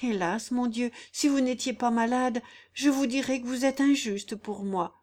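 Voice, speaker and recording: For an audiobook, a woman performs a tender peasant girl who pleads earnestly in simple, rustic phrasing. Her high voice carries heightened urgency while remaining a little mellow and close to everyday speech, at normal speed.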